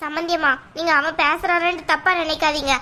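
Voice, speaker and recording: A woman voicing a gentle, apologetic middle-aged mother of the groom in a cartoon. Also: high voice, level tone, a little fast, pitched below the performer's own voice. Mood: soothing. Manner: soft, apologetic, soothing. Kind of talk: cartoon voice acting.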